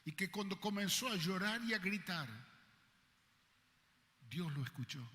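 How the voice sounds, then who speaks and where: A man preaching a sermon as pastor, dropping to hushed low passages and then rising to shouts. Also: animated, a little slow, big-room sound.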